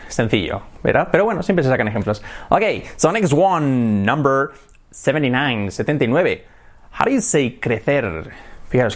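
A man in his forties from Spain with a Spanish accent, teaching an English lesson in a chatty way, switching between Spanish and English and often checking in with "ok?". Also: mid-range voice. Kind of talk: casual online English lesson.

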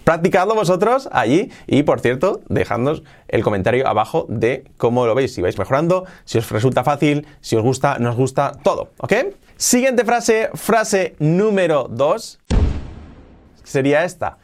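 A man with an accent from Spain, teaching an English pronunciation lesson online and repeating words slowly to drill each sound. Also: on the high side, expressive.

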